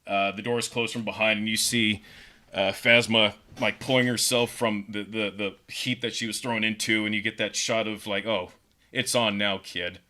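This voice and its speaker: A man hosting a podcast, casually pitching a story scene by scene in a rambling way with lots of fillers. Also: flat delivery, moderate pace, sharp tone. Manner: rambling, filler-heavy retelling. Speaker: podcast host.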